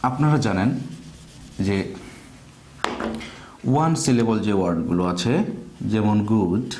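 A man with a Bangladeshi accent teaching an English grammar lesson, explaining slowly and repeating example sentences. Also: lowish voice, a little mellow, echoey room, slight background noise.

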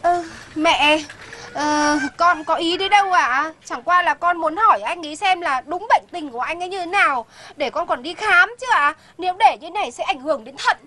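Defiant Northern Vietnamese young wife. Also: female voice, very high voice, animated, moderate pace, pushed and bright, slight background noise, heavily acted. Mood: politely defensive. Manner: insistent, defiant, polite to elders. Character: fed-up young wife, prim and stubborn. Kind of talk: sitcom acting.

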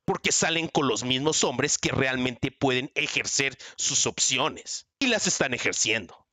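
A male host lectures his viewers with assertive commentary. His voice sounds bright and forward, recorded dry and close with no room sound. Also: mid-range voice, no echo.

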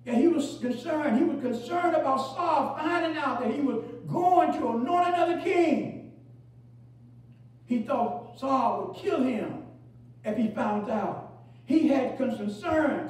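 This sermon comes from a very high-voiced man recorded at a distance in a cavernous, echo-filled room. He punctuates repeated phrases with "hallelujah" and "praise God," drops from shouting to murmuring, and keeps urging the church to answer him.

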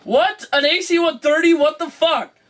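A young man commentating on his game as a raging gamer, excitable, shouting and swearing. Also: very high-pitched, moderate pace, faint music behind. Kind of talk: casual gameplay commentary with raging outbursts. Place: indoor room in front of a television. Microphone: camera pointed at the TV. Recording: noisy camera recording of a TV.

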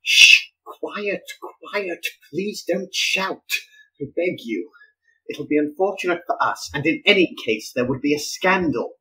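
A man's voice: on the high side, lively intonation, a little fast, few pauses, fairly bright tone, rough recording. A man as a flustered eccentric inventor. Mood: placating. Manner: flustered, exclaiming, pleading.

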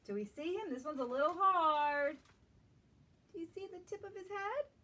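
In a small room lined with bookshelves, a woman of about forty reads a picture book to children in a very high-pitched, bright, forceful voice with lively intonation. Like a library storytime, she pauses for slow, questioning asides to the young listeners. The distant camera mic, a few metres off, catches slight background noise.

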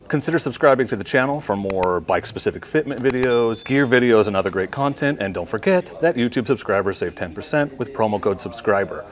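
A man in his thirties presenting products in a relaxed, friendly walkthrough in a large indoor showroom. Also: on the low side. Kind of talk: product demonstration.

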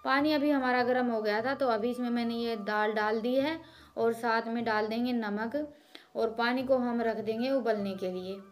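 A woman in her thirties from Haryana, India, with a slightly high voice, steady tone and moderate pace, narrates as a village cooking vlogger. Her voice-over is homely and chatty, explaining every step to viewers.

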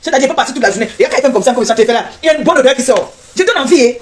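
A woman hosting a live stream, teasing her viewers and reeling off repetitive, mock-preaching blessings in a loud voice. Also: high voice, lively intonation, rapid-fire, husky. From Cameroon.

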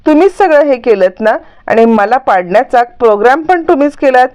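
Lady doing a shrill angry neighbour woman, all threats and scolding, smooth clear voice. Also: animated, fairly quick, darkish tone. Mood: accusing. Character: hot-tempered proud woman tenant, quarrelsome.

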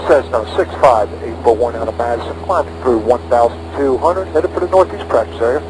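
Flying a small propeller plane, a man with a middling pitch alternates between radio calls and self-briefing, talking himself through checks in short procedural phrases. He speaks fairly quickly through an aviation headset, and faint engine drone and background noise come through the intercom.

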